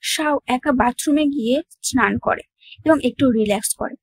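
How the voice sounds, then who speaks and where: A woman's voice: sits high, normal speed, breathy edge, dry recording. A woman storyteller narrating a drama recap and reading every character's lines in her own narrating voice.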